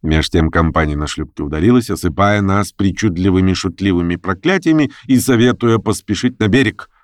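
A man narrating a literary story aloud, acting out the characters' lines with big leaps in pitch. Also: fairly quick, dry recording, studio quality. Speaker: audiobook narrator.

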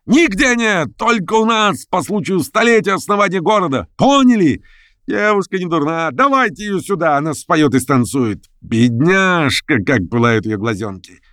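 A man voicing a frenzied, drunken carnival reveller in a red coat, shrill and mocking. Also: animated, normal speed, fairly bright tone, no echo, clean studio sound.

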